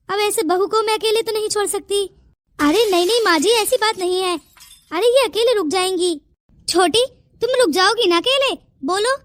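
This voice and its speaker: A woman voicing the family of a cartoon story in quick, bickering domestic chatter. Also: extremely high pitch, no echo, studio quality. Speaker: narrator voicing all family roles. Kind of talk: cartoon voice acting.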